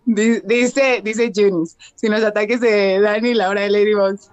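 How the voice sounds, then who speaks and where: A woman's voice: mid-range voice, fairly even intonation, unhurried, no echo, lo-fi sound. Giggly Mexican woman reading chat greetings. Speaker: live stream co-host. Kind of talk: casual live-stream chat.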